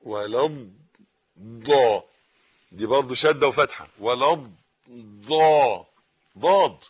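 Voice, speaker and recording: A man with an Egyptian Arabic accent teaching Quran recitation, reciting slowly and then explaining corrections quickly. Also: medium pitch, slightly rough, muffled recording.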